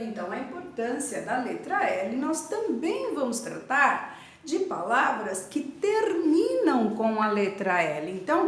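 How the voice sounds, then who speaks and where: A woman's voice: sits high, fairly bright tone. A woman teaching a literacy lesson, spelling out syllables letter by letter and repeating each word. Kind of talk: slow classroom literacy lesson. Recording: echoey room from far off.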